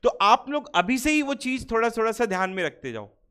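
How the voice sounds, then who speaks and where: High-voiced man teaching online. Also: sing-song, fairly quick, bright, forceful tone, smooth. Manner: teasing, chatty, reacts to student comments. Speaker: online exam-prep teacher. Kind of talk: live online class, Hindi-English mix.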